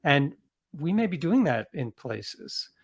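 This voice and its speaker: An American man, appearing as an interview guest, explains things in an earnest, conversational way, frequently halting and rephrasing. His voice is on the high side, creaky, and very animated.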